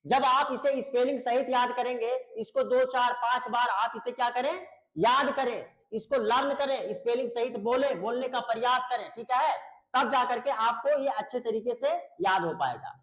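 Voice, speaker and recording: At a normal speed and with a slightly bright tone, a high-voiced man teaches English grammar online, explaining in Hindi with pronunciation. He's an English teacher who repeats each key point, questions his students, and calls them beta with patient fondness. Audio quality is poor.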